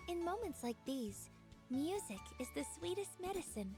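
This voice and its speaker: Game VO: a cheerful young woman shopkeeper, high, lively and curious. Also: normal speed, music in the background, full character voice. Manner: curious, expressive reactions. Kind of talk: voiced game dialogue.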